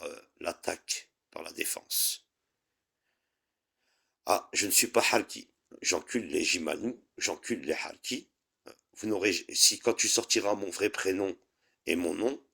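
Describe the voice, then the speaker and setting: A man's voice: deep voice, creaky, a bit bright, husky. Taunting man ranting. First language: Arabic. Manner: taunting, insulting, combative. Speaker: live stream host. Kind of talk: heated live-stream rant.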